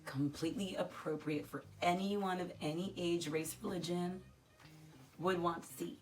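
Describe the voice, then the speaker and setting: A talkative woman with a fairly low voice, crackly and dry, rambling casually to her viewers during an unboxing. She pokes fun at herself as she goes, and soft music plays faintly behind her. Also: steady tone, moderate pace. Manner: chatty, rambling, self-deprecating. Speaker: unboxing vlogger. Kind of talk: casual unboxing chat to camera.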